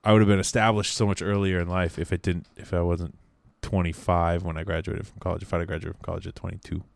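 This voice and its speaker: A man's voice: low voice, little pitch movement, fast, vocal fry, no echo. A man in his early thirties in casual chat, rambling wryly, restarting sentences and swearing now and then. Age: 30s. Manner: rambling, self-correcting, wry and profane.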